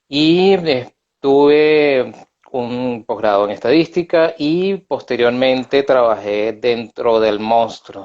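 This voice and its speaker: A middle-aged man with a Venezuelan accent is a guest in a casual live video interview, talking freely and chattily with many filler hesitations and side remarks to himself. His voice is mid-range, and the video-call audio has its highs cut off.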